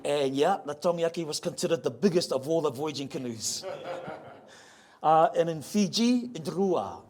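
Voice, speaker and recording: A man with a slightly high, animated voice presents on ocean voyaging heritage to a live audience at a museum venue. Playful and joking, he slowly spells out pronunciations and prompts the crowd to repeat them.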